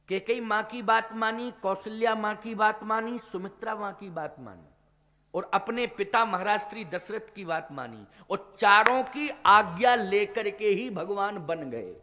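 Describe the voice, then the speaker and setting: A man giving a devotional sermon, declaiming forcefully and then dropping to low asides, now and then chanting a scripture verse slowly. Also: in a large hall. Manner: emphatic, swings from loud declaiming to low asides. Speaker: preacher of a Ram Katha discourse.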